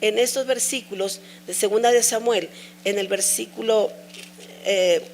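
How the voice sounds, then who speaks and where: A woman's voice: medium pitch, measured pace, a little mellow, slight background noise. A middle-aged woman preaching a sermon, sharing an emotional personal testimony with earnest, repeated pleas.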